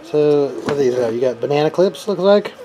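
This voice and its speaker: With a voice on the high side, this man is expressive and brisk as he chats informally and thinks aloud. He hosts electronics and radio unboxing videos, giving a hands-on demonstration at a cluttered indoor desk. Clear background noise runs through the noisy home camera recording.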